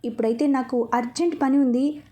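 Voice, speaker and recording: A woman's voice: high-pitched, steady tone, a little fast, warm tone, lightly acted. Woman voicing a playful loving young husband. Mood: affectionate. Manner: affectionate, teasing.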